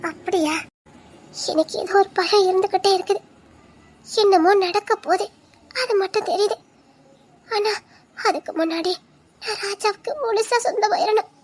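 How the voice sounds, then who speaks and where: A young woman acting an anxious lover who pleads tearfully with her partner in a romantic drama. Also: extremely high pitch.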